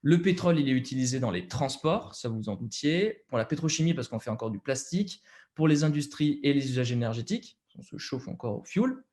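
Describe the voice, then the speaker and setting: A man's voice: mid-range voice, expressive, a little fast, darkish tone. Hesitant young French man presenting slides. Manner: hesitant, many fillers and restarts.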